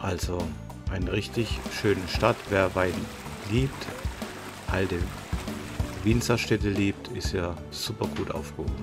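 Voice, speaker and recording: Speaking slowly in a low voice over background music, a man in his fifties narrates his travel vlog and chats casually from a camper van. His manner is easygoing and talkative, with frequent agreement.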